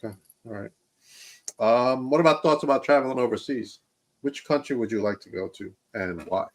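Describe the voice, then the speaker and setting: A man hosting a podcast interview, answering with quick okays and all-rights and often repeating himself. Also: medium pitch. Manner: short affirmations, repeats himself, laughs along. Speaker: podcast host. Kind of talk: casual interview.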